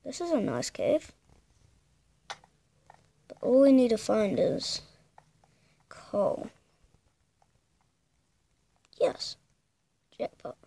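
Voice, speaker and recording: A woman's voice: fairly high pitch, very animated, very slow, vocal fry, pauses often, dark tone. A young woman casually commentating her gameplay, thinking aloud hesitantly and humming to herself. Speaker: gamer.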